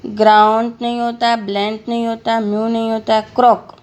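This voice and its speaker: A woman's voice: a little high, little pitch movement, normal speed, a little mellow, soft background music. A woman teacher giving a lesson to young children, spelling words out letter by letter and asking questions she answers herself.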